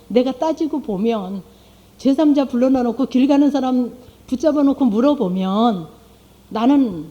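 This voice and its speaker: Mellow-voiced woman giving church testimony. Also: high voice. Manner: conversational, asks the audience rhetorical questions; acts out her own prayers aloud. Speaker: lay church speaker. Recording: dull lo-fi recording.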